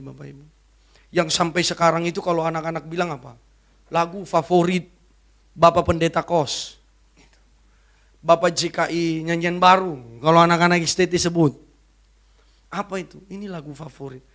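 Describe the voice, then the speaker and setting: A woman evangelist giving an emotional sermon testimony to a church congregation, swinging from loud to hushed. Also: on the low side, steady tone, normal speed, pauses often. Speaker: evangelist preacher. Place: church service.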